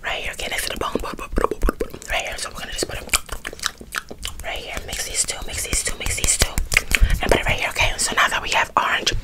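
A young woman doing an ASMR whispered role-play in a breathy whisper with wet mouth sounds, rapidly repeating words close to the mic in a room at home. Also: low-quality recording. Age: young adult. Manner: whispers with rapid repetition of words and trigger phrases. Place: small indoor room at home.

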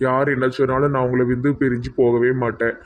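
A man's voice: medium pitch, flat delivery, fast talker, phone-quality sound, natural voice. A man playing a playful young prankster friend in a comedy skit, with a Tirunelveli Tamil accent and an earnest, apologetic manner. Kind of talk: amateur comedy skit acting.

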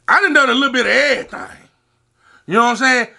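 Man, eating-show host, high and bright, rough gravelly edge, animated and boastful. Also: quick pace. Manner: animated, hypes himself up, calls out to viewers. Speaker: mukbang host. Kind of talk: casual storytelling to camera while eating.

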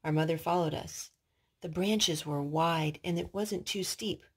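Here a parent does storytime at home, her husky voice sitting on the low side and moving at a measured pace. In the living room, she reads to young children, asks them questions, and teaches in simple terms, mixing in singing and sing-song chatter.

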